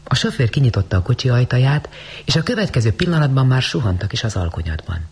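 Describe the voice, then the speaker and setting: Male narrator, breathy husky voice, lively expressive intonation, audiobook reading. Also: mid-range voice. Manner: expressive, dramatic storytelling.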